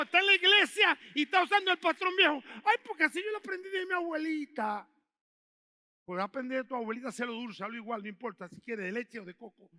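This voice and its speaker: A male pastor, preaching a sermon with shouts and call-and-response. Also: very high voice, big-room sound.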